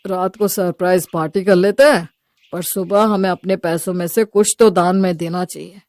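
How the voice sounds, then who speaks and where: A woman playing a pious, calm older father-in-law who speaks in an earnest, measured way. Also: lowish voice, no echo, natural voice.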